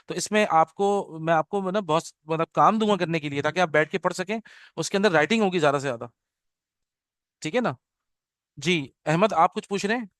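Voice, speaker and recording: A man's voice: a little high, fairly bright tone, no room sound, clean studio sound. A middle-aged man teaching an online class orientation, switching between Urdu and English and checking in with his students often. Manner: mixes English into Urdu, keeps checking with "okay?". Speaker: Arabic teacher. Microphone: video call.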